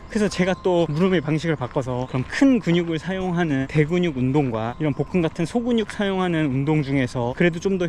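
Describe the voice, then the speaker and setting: A man's voice: fairly high pitch, darkish tone. A man talking while running, explaining things casually as a fitness vlogger. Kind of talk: casual explanatory vlog talk. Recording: outdoor street and traffic noise.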